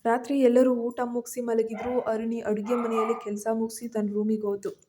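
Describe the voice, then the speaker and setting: A woman narrating a scripted family drama story in a steady reading voice. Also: fairly high pitch, moderate pace, slight background noise.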